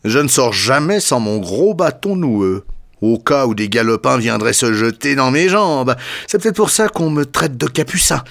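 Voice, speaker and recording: A man reading a comic story aloud as narrator, expressive and lively. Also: moderate pace, vocal fry. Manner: expressive reader, lively pitch.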